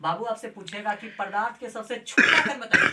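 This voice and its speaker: A man's voice: high voice, normal speed. A man teaching a class, asking the same question again and again so the pupils call back the answers. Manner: drills pupils with repeated questions. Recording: distant mic with faint noise.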